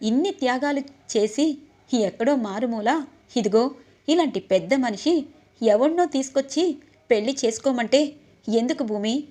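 Defiant young guy in love, fired up, highish voice, a lady reading him out. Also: darkish tone, close to an everyday voice. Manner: impassioned, pleading, defiant. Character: passionate young man, defiant lover.

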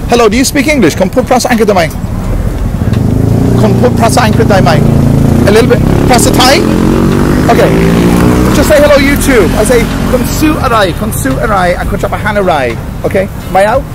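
A man's voice: high voice, huge pitch swings, brisk, heavy background noise. An Irish man in his fifties hosting a casual street vlog at a night market, rambling and repeating himself as he talks to his viewers. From Ireland. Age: 50s. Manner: chatty, repetitive, addresses viewers as lads. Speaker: vlogger host. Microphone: handheld camera mic. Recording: outdoor street with crowd and music.

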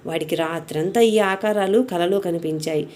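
A woman narrating a devotional story in a steady, even storytelling manner. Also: on the low side, moderate pace, a little hiss or hum.

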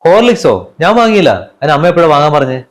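Very fast-talking young-sounding man. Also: fairly high pitch, expressive. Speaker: son character. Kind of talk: comedy family sketch acting.

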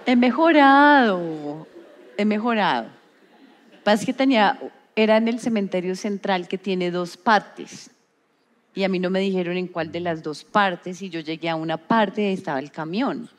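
A woman, an actress, telling stories in an interview, animated, laughing often and acting out voices. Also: fairly low pitch, moderate pace, long reverb tail.

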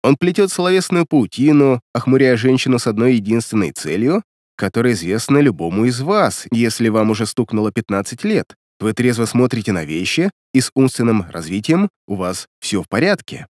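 A man's voice: medium pitch, big pitch swings, fairly quick, darkish tone, no echo, clean studio sound. A man narrating a crime novel audiobook in the first person with a wry, ironic telling.

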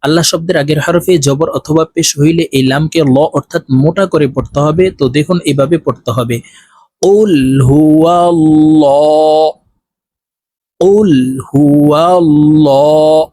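A man, his voice sitting a little high, teaches recitation in a spoken lesson. He breaks words into letters and vowel marks and spells each one out with patient care. The close recording is dry, with no room echo. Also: fast, hardly any pauses, darkish tone.

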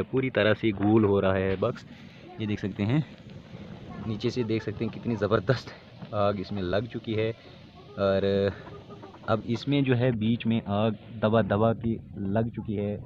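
A man with a Jammu and Kashmir Hindi accent giving a step-by-step outdoor how-to demonstration, talking into a handheld phone camera. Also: on the low side. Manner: explains step by step, addressing friends. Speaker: beekeeping channel host. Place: outdoors on bare ground. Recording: dull lo-fi phone audio, faint outdoor noise.

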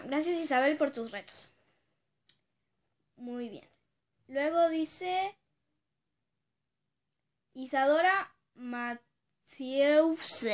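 A female channel host with a voice that sits high chats casually while reading out viewer dares. She reacts in a lively, giggly way, recorded on a phone.

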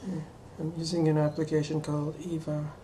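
A young adult woman talking casually to camera during voice practice, halting and muttering as she thinks aloud in a bedroom. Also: low voice, flat delivery, mellow, poor audio. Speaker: voice trainee doing breathing exercises. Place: small cluttered bedroom, indoors. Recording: faint room noise.

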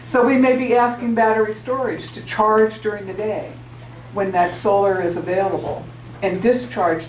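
A woman on a conference panel, explaining grid needs in a measured way with frequent restarts. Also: on the low side, a little hiss or hum. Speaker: energy grid operator executive on a panel. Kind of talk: panel remarks. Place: large auditorium stage with audience. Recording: roomy hall sound from a distance.

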